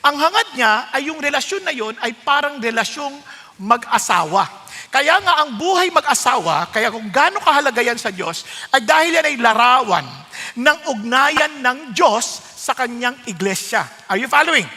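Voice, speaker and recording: Male pastor, very high bright voice, long hall echo, mixes Tagalog and English, reads verses slowly. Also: expressive. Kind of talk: sermon.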